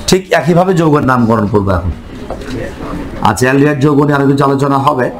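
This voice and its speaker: A man's voice: medium pitch, animated, fast talker, poor audio. A man teaching chemistry, quizzing his students and answering his own questions. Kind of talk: classroom lecture.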